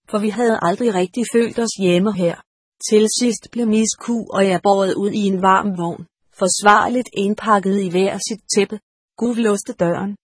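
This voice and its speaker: A woman narrating a storybook in an even, measured reading. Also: mid-range voice, slightly rough, no echo, studio quality. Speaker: audiobook narrator.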